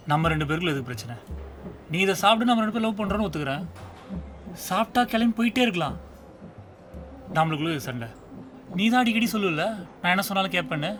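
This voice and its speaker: An actor playing a possessive, jealous young college man in a short film drama, pleading and calling after his girlfriend. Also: high-pitched. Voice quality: pleading, then shouting after her. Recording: film soundtrack with loud music.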